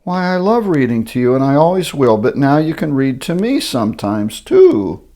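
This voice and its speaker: A man voicing a gentle, loving mother, speaking in a soft, sweet falsetto. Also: big pitch swings, normal speed.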